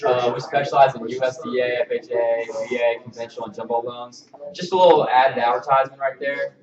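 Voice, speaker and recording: Recorded from a distance on a camera mic, a man trains mortgage staff in an informal, halting talk about templates. His mid-range voice stays steady. The indoor training room has a projection screen, and the sound is roomy and a little dull.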